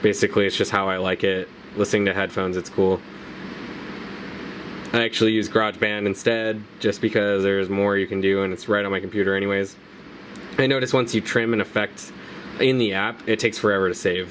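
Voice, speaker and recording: Low-voiced man in a casual tutorial. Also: slight background noise. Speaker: motovlogger presenting a gear tutorial.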